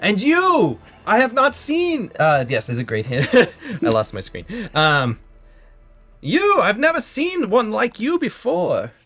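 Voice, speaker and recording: A man's voice: takes it slowly, full character voice. A man voicing a flamboyant older male human mayor who gushes and repeats himself. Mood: delighted. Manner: effusive, repeats himself, high and excited.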